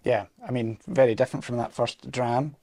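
A man's voice: mid-range voice, fairly even intonation, normal speed, vocal fry, dark tone. A man co-hosting a podcast in casual chat, easygoing, often answering with short agreements. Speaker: podcast co-host.

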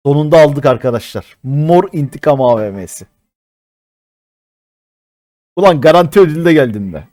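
A man in his thirties doing live-stream commentary as a mobile game streamer, excitable and chatty with his viewers, swearing often. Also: a little high, moderate pace, long pauses, dry recording, clean studio sound. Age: 30s.

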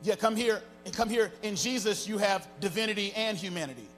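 A man's voice: sits high, a little fast. A man in his forties preaching a sermon as pastor on a church stage, into a handheld mic, with a rising, half-sung preaching cadence. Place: large church stage with band gear and audience. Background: music.

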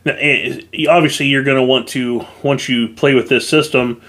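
A man's voice: mid-range voice, fairly even intonation, moderate pace, a bit bright. Chatty man hosting a casual gear review. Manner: chatty, with frequent fillers and restarts. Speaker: YouTube channel host reviewing gear. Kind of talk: casual product review to camera.

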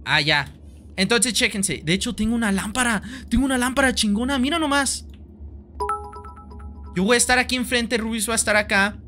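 A young man with a Mexican Spanish accent chats through a live game stream, bright and sharp in tone. He rambles playfully, swears offhandedly and says many lines twice. Soft music runs underneath. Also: very high-pitched, brisk, long pauses. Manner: playful, rambling, swears casually, repeats himself. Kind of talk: joking gameplay live stream. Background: faint background music.

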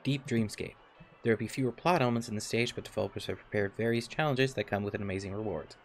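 A man reading out a game's dialogue as a smooth-talking male dream salesman, with an upbeat sales-pitch delivery. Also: fast, a little hiss or hum, natural voice. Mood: salesy. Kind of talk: reading game dialogue aloud.

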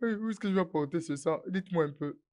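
A man's voice: on the high side, fast, a little mellow, close to an everyday voice. Dub role: man as distraught son, pleading and sobbing, voice cracking. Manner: pleading, sobbing, repeating himself. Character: desperate grieving son, young man. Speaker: patient's son. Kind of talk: French dub of a film.

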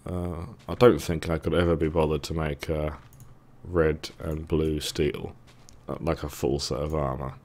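A man's voice: extremely low pitch, little pitch movement, unhurried, vocal fry, a little mellow. A man with a thick, sore-throated voice giving casual, hesitant let's play commentary, musing to himself as he goes. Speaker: gaming video host.

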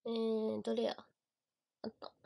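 A woman's voice: fairly high pitch, monotone, a little slow, vocal fry, dark tone. A young woman with a Kansai accent hosting a casual livestream, chatting in a bubbly, giggly way and thanking viewers by name. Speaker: idol livestream host. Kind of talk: casual livestream chat reading viewer gifts.

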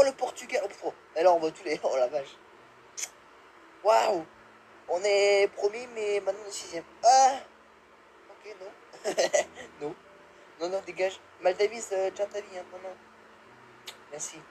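A young man giving live gameplay commentary, excitable, yelping and laughing, swearing and dropping English exclamations. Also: high-pitched, a little hiss or hum, poor audio. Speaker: gamer.

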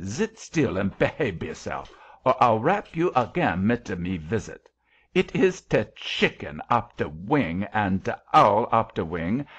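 A man's voice: fairly low pitch, husky, dull audio, heavily acted. A man voicing a bossy, irascible little self-styled angel who blusters in broken English with a thick German accent, in a storybook reading. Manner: blustering, broken English, drawn-out emphatic delivery.

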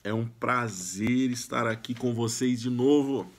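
A man's voice: medium pitch, unhurried. A Brazilian man giving self-help advice straight to camera in a casual, emphatic way, now and then repeating sounds at the start of a phrase. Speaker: YouTube speaker giving self-help tips.

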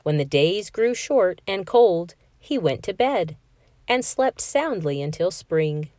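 A woman reading a children's picture book aloud in an expressive, sing-song storytelling manner. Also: lowish voice, takes it slowly, no room sound, clean studio sound.

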